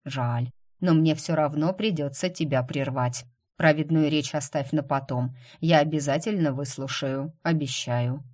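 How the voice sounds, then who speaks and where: A woman voicing a calm, mocking aristocratic count in an audiobook, unhurried and dryly teasing. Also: deep voice.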